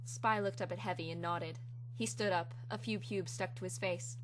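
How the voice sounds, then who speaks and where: A woman's voice: fairly low pitch, steady tone, normal speed, low-quality recording. A woman giving a theatrical, hammy dramatic reading of fan fiction as its narrator. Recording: clear hum and background noise.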